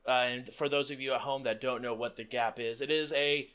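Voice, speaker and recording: A man's voice: medium pitch, fairly even intonation, brisk, a bit bright, clear, resonant tone. A man hosting a tabletop roleplaying game as game master, addressing players and audience.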